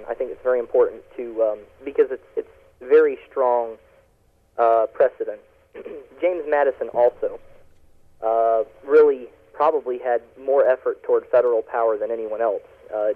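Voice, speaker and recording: A man calling in to a talk radio interview, heard over a phone line on the radio, explaining earnestly with many ums and uhs. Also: medium pitch. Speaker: activist guest calling in.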